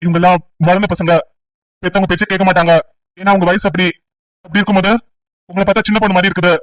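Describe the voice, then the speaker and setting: A man playing a stern police officer and father in an amateur audio drama, brisk and lecturing. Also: sits high, flat delivery, a bit bright, distant mic, low-quality recording. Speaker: police officer leading an enquiry.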